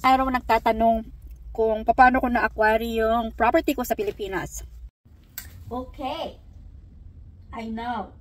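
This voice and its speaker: A woman's voice: a little high, slow, pauses often. A middle-aged woman from the Philippines chatting casually at home as a vlogger, mixing Tagalog and English and laughing often. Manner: coaxing baby talk to her dog. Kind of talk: casual chat. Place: at home indoors. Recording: far from the mic, faint room noise.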